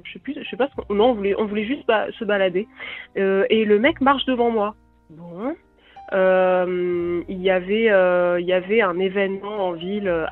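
A young woman from France tells a story over a tinny phone line, chatty and loose, with plenty of fillers and laughter. Her voice sits at a middle pitch, and faint music plays underneath. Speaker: listener sharing a story by voicemail. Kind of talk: casual storytelling.

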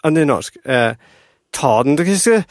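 A man's voice: a little high, expressive, no echo, studio quality. A young man co-hosting a podcast in casual chat, self-mocking and eager, laughing easily. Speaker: podcast co-host.

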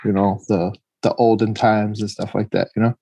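A man's voice: fairly low pitch, flat delivery, normal speed, gravelly, mellow, breathy edge, dry recording. A young man co-hosting a casual podcast, talking in an easygoing, hesitant way with lots of "you know.". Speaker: podcast co-host.

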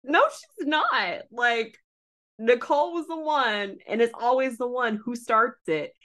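A woman co-hosting a podcast, chatting casually and animatedly about a reality show, swearing often and acting out the cast's lines. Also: a little slow. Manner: animated, swearing, acts out quotes with rising pitch. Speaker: podcast co-host. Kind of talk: casual reality TV recap chat.

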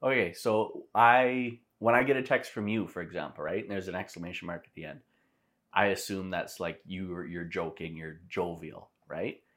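A man's voice: low-pitched, moderate pace, a bit bright. A man chatting casually on a podcast, rambling and hedging with lots of "like".

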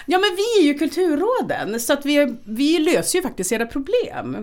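A woman co-hosts a relaxed chat podcast from an office studio. She tells stories in a chatty way and laughs easily. Her voice sits a little high and swings widely in pitch. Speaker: podcast co-host. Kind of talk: casual chat.

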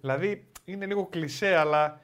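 Male podcast co-host, teasing and laid-back, pitch a touch high. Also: fairly bright tone, clean tone. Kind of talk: casual chat.

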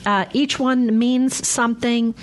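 A woman's voice: a little high, fairly even intonation, unhurried. A woman hosting a call-in show in a conversational, chatty and courteous manner. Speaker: radio host.

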